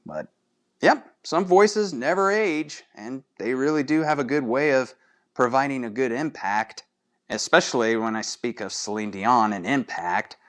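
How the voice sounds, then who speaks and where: Slow-paced, smooth-voiced man chatting to listeners. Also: medium pitch, a bit bright. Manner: chatty, addresses listeners with rhetorical questions. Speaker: podcast host. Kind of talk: casual monologue to listeners, fan trivia.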